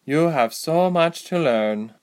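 A cold, formal mermaid princess, put on by a male narrator. Her voice rises slightly above his own, measured and stiff. She sounds aloof and commanding. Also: fairly high pitch, animated, clean tone, voice pushed up. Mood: formal, haughty.

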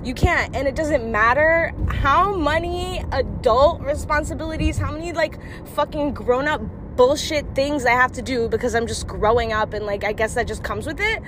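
A woman's voice: high-pitched, moderate pace, few pauses, background noise. A young woman talking candidly to her viewers in a blunt, profane, confiding way. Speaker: vlogger. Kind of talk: candid monologue to camera.

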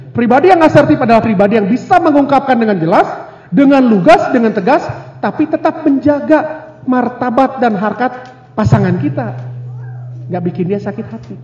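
A man giving a lively seminar talk on communication. He asks the audience questions and acts out little scenes. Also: very high-pitched. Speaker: speaker on family communication. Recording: echoey hall, dull lo-fi sound.

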